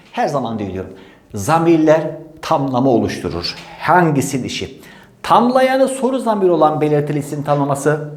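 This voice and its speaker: A man's voice: fairly high pitch, darkish tone. A man teaching grammar in an exam-prep lesson, emphatic, repeating key rules and voicing his students' questions. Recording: echoey room.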